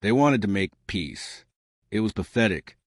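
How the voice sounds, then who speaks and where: Low-voiced male sci-fi narrator. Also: expressive, unhurried, no echo, clean studio sound.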